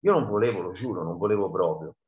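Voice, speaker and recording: A frightened drunk man begs in a shaky, pleading voice, as a man reads him. The voice sits fairly low. It sounds roomy and a little dull. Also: animated, fast.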